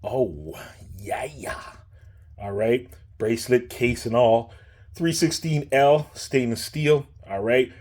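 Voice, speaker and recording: A man's voice: mid-range voice, takes it slowly, a little mellow. A man giving a casual, chatty watch review, laid-back and talking straight to the viewer.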